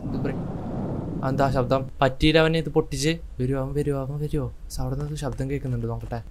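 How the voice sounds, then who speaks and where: A man's voice: mid-range voice, fairly even intonation, a little fast, noisy background. Chatty Malayali man doing game commentary. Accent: Kerala Malayalam. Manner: chatty, shouts in bursts when attacked. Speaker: gaming YouTuber. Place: indoors with rain heard outside.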